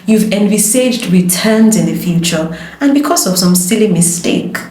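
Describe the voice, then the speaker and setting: A woman's voice: mid-range voice, lively intonation, normal speed, warm tone. A woman, a lawyer and voice-over artist, giving emphatic, passionate advice in a casual conversation. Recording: roomy echo.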